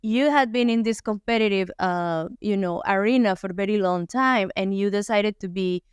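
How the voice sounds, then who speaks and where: A woman hosting a wellness podcast, speaking English with an accent and stressing key words slowly. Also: medium pitch, clean tone, no room sound, clean studio sound. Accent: non-native English. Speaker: podcast host. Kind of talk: podcast interview.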